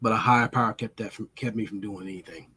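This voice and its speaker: A man in a middle pitch tells a rambling story straight to camera. He swears freely and speaks bluntly, slowing down and pausing for effect. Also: fairly even intonation, bright, forceful tone, breathy edge. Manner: blunt, profane, dramatic pauses. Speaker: vlogger. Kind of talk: casual storytelling monologue.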